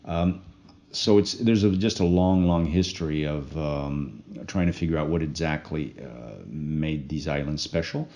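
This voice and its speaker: Guest in an interview: a man from French Polynesia with a very low voice, unhurried and thoughtful, filler-heavy. Dull lo-fi audio. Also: warm tone. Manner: thoughtful, many pauses and fillers. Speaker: guest, project co-founder. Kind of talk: casual interview talk.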